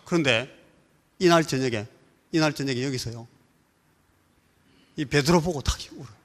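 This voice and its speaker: Korean pastor preaching in a reverberant church. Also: male voice, medium pitch, normal speed. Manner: animated storytelling, imitating rooster crows and voices. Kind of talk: sermon. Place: church sanctuary.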